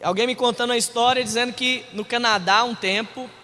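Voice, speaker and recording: A very high, bright male voice preaches in a church hall, the long reverb trailing each phrase. He tells stories by acting out both sides of a conversation, then climbs into shouted exhortations. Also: fairly even intonation, a little fast. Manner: acts out dialogue in storytelling, rising to shouts. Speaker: pastor. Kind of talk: sermon.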